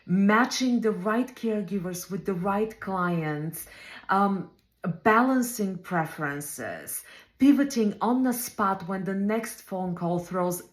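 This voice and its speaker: A woman with a Bulgarian accent, a native Bulgarian speaker, who leads home care operations. She reflects on her career in a measured way, with frequent ums. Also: mid-range voice, lively intonation, reverberant.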